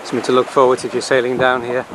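Rapid-fire and monotone, a mid-range male voice narrates a casual, rambling sailboat video diary packed with ums and uhs. He is a solo sailor filming with a handheld camera at sea and in harbour, and the outdoor recording is noisy with wind and water.

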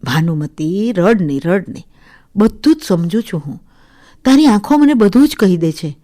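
A woman voicing the ghost of an older husband, deep and grinding in tone, slow, teasing and scolding. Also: expressive, mellow. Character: older husband's ghost speaking from a photo, gruff.

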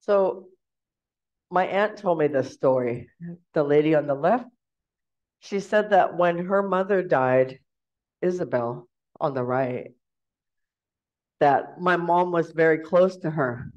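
A woman giving an informal storytelling talk as guest speaker, chatty and quick to laugh, recorded in a lecture room. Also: sits low, a little mellow. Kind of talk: casual storytelling presentation. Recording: dull lo-fi recording.

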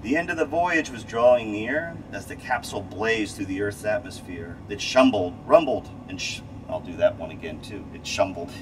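A middle-aged man reads a rhyming children's storybook aloud in a lowish voice at a moderate pace, with hardly any pauses. His reading is expressive but includes occasional stumbles and rereads. He's in a cramped space station window module, recorded on a distant mic over a loud, steady air-conditioning-like ventilation hum.

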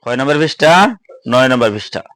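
A man teaching Quran reading in a Bangladeshi accent, sounding out each letter slowly and then blending it quickly. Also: medium pitch, fairly bright tone, no room sound. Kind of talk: spelling drill lesson.

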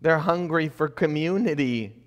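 A middle-aged priest preaches from a church pulpit indoors, building emphasis and throwing in rhetorical questions, his voice slightly high and slightly slow with dull audio. A fixed camera at a distance captures him at the pulpit, and the sanctuary gives the recording a long hall reverb.

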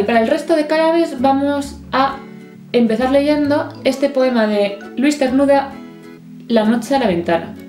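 A woman from Spain giving a lively, chatty poetry lesson with playful asides. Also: fairly high pitch. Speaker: literature teacher. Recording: echoey room, soft guitar music.

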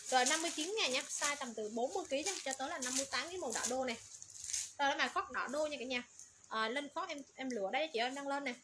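A woman running a livestream clothing sale, rattling off colors, sizes and prices in quick, repetitive patter. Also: high-pitched. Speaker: online clothing seller. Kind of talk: livestream sales pitch. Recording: noisy background.

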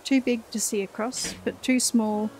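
This is casual gameplay commentary from a woman in her forties who hosts let's plays, thinking aloud and poking fun at herself. Her voice sits on the high side with a steady tone, measured pace, and darkish quality, over slight background noise in a rough recording.

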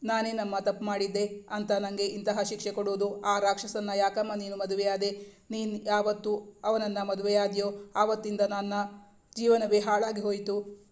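A woman voicing a hurt, defiant young daughter in an audio story, read in a flat, even way. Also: medium pitch, normal speed, lightly acted. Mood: anguished.

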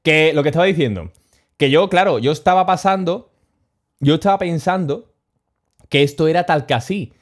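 A man telling a travel story on his stream in a casual, animated, slangy way, chuckling as he goes. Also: on the high side, normal speed, pauses often.

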